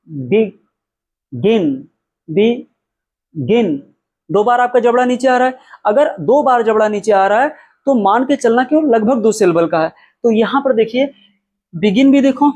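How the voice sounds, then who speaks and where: A man from India teaching an English spelling lesson, repeating key words slowly and answering his own questions as he explains. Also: extremely high pitch, a little mellow.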